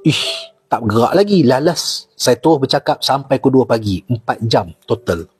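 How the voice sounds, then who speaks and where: A man's voice: medium pitch, moderate pace, breathy edge, dry recording. A middle-aged man with a Malaysian Malay accent, a former army officer telling stories in casual chat, repeating key points and asking his listeners questions. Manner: animated storyteller, repeats key points, asks the audience rhetorical questions. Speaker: retired army officer guest.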